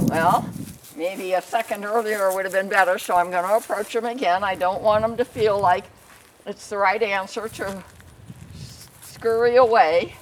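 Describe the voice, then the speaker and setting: A woman's voice: medium pitch, rough recording. Woman, casual vlog host, animal trainer, soothing repeated reassurances, outdoors, camera mic, faint background noise. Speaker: alpaca trainer and show host. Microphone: camera mic, handheld at times.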